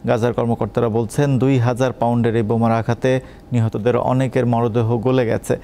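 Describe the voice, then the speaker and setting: A man reading a scripted news bulletin as presenter, in a brisk, formal delivery. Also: medium pitch, level tone, mellow, slight background noise.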